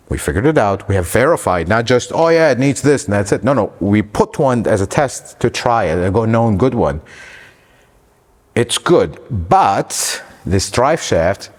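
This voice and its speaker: Animated low-voiced mechanic in echoey garage. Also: male voice. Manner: animated, exasperated, addresses viewers as folks. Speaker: auto repair shop owner. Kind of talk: shop-floor explainer talk. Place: auto repair shop garage.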